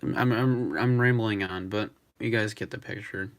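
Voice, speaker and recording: A young man live streaming, talking in a rambling, halting way with many restarts. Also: lowish voice, steady tone. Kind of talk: emotional live-stream tribute chat.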